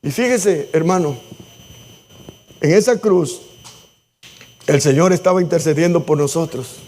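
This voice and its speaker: A man's voice: a little high, unhurried, darkish tone. A man preaching a sermon in church, passionate and pleading, voicing prayers aloud. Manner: impassioned preaching, acts out prayers. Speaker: pastor.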